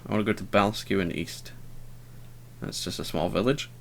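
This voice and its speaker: A man's voice: on the low side, normal speed, gravelly, fairly bright tone, a little hiss or hum. A man giving casual, rambling gameplay commentary, hesitant and full of fillers, with a wry, self-deprecating manner. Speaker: let's player.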